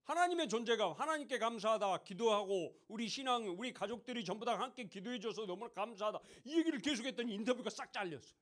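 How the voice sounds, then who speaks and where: Talking fast with few pauses, this youth pastor has a high-pitched, slightly bright voice and lively intonation. He addresses teenagers in a church hall in a conversational sermon, frequently asking them questions and imitating mocking voices.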